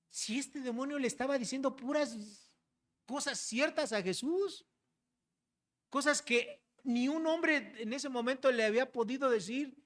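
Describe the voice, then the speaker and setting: A pastor delivering an expository sermon to the congregation, explaining verses and addressing listeners as brothers and sisters. The delivery is direct, with frequent rhetorical questions and a checking tag after key points. The voice sits in a middle pitch. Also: a bit bright.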